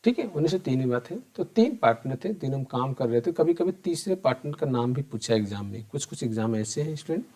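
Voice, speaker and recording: Man, accounting teacher, mid pitch, conversational lecture, asks and answers his own questions, repeats key points. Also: sing-song, fast talker, few pauses, darkish tone. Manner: conversational, addresses students directly and asks them questions. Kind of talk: exam-prep lecture.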